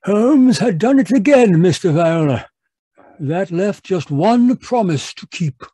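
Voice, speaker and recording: An actor playing a genial gentleman doctor, the loyal sidekick who narrates an old radio mystery. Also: high-pitched, lively intonation, slow, husky, dry recording, exaggerated voice. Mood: genial storytelling.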